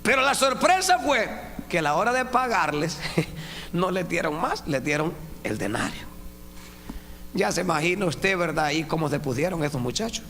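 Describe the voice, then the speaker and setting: High, bright-voiced preaching man. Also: big pitch swings, normal speed. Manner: impassioned preaching, swinging from hushed to shouting, calling the listeners brothers. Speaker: pastor. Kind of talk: Spanish evangelical sermon. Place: church. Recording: church hall reverb with faint hum.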